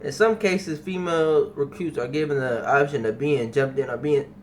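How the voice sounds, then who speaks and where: A man's voice: fairly high pitch, normal speed, a little hiss or hum. A young man hosting a reaction video, talking casually with profanity and repeating himself.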